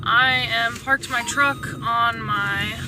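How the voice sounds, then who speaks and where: A woman's voice: a little high, fairly even intonation, takes it slowly, over loud music. A woman vlogging from inside her parked truck in casual, rambling, slangy chat, with faint ambient noise behind her.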